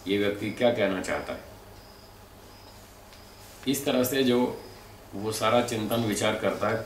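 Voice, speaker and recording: A man giving a spoken lecture on speech and pronunciation, explaining in a measured way and demonstrating sounds aloud. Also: lowish voice. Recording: echoey room from a distant mic, faint noise.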